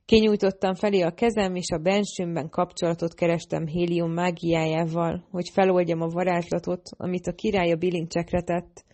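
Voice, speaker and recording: A woman narrating a fantasy audiobook in the first person, with a steady, measured reading. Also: lowish voice.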